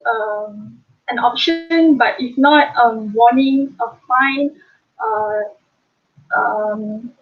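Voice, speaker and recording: A woman panelist speaking on an online forum over a video call, halting with many fillers and restarts. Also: a little high, expressive. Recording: tinny phone-like call audio.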